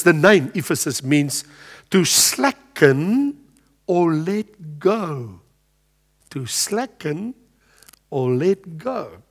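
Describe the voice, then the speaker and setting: A man in his sixties teaches a Bible study, his fairly high voice swooping up and down with lively inflection. He talks with animated energy and plenty of ums and uhs, and his words carry a long reverb tail as if in a big hall. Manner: animated, gestures broadly at a pulpit, frequent filler sounds. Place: studio with a world map backdrop, standing at a lectern.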